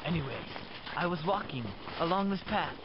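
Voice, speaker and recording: A man's voice: sits high, normal speed, muffled recording. A man playing an earnest amateur detective in a home-made comedy skit, growing impatient with witnesses who ramble. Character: earnest young male amateur detective, easily exasperated. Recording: noisy home camera audio.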